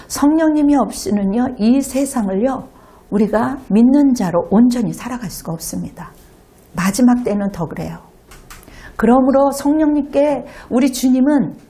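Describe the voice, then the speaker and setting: A woman pastor giving an animated sermon to a congregation in a church, sometimes acting out children's voices. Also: fairly high pitch. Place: church sanctuary.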